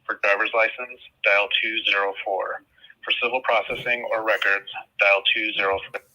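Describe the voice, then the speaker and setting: A man reading a recorded phone menu message in a measured, formal way, heard as it plays over a call. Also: fairly low pitch, dull audio. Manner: measured, even, formal delivery. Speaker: automated phone menu announcer. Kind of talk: scripted recorded announcement.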